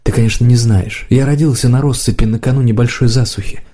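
A man voicing a powerful aging male court magician who mutters in a soft, bitter tone, in an audiobook reading. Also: mid-range voice, fairly even intonation, fast talker, natural voice. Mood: brooding.

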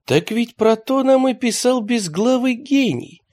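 A sardonic companion grumbles and mutters, as a man puts him on. His voice is lively in pitch, in a storybook reading. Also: measured pace. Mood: grumbling.

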